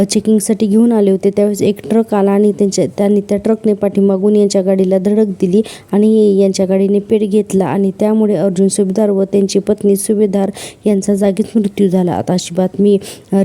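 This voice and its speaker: A woman's voice: medium pitch, mellow. A woman with a Marathi accent, casually retelling a TV serial episode and reading each character's lines in quotes. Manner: retells scenes, voicing characters' lines in quotes with little change. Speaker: serial episode recap narrator.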